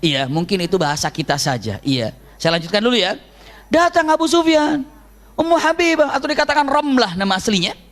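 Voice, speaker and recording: Male preacher, high voice, animated storytelling sermon. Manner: lively storytelling, acts out quoted voices, frequent laughter.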